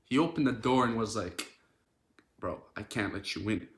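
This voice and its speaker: A young man from Canada telling an animated, dramatic storytime in a casual vlog. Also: fairly low pitch, normal speed, roomy sound. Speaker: social media creator.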